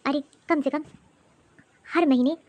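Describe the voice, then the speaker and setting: A woman's voice: high-pitched, fairly even intonation, takes it slowly, a little mellow. A woman voicing a young sister-in-law in a cartoon, with a gossipy, teasing way of talking. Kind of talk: cartoon voice acting.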